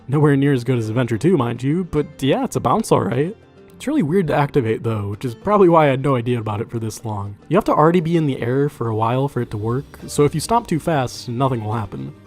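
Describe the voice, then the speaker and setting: A man's voice: mid-range voice, darkish tone. A man reviewing a video game in casual, conversational scripted narration, with wry, sarcastic asides.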